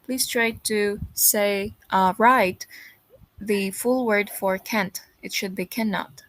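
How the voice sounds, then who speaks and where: A woman's voice: medium pitch, steady tone, slow, no room sound. A woman English teacher giving patient, encouraging feedback to students in an online class over a video call.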